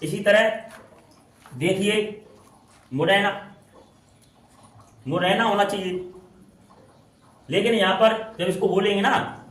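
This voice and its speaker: A man's voice: high-pitched, a bit bright. A man teaching English pronunciation in a classroom style, repeating and drawing out words as he explains. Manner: repetitive, drawn-out spelling out of words. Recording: echoey room from far off.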